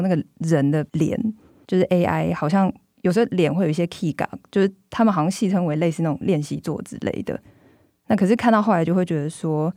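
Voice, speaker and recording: A woman's voice: fairly low pitch, mellow, dry recording, clean studio sound. A woman with a Taiwanese accent hosts a podcast as a journalist, speaking through a face mask. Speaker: magazine journalist hosting a podcast. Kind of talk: podcast hosting, semi-scripted narration and discussion.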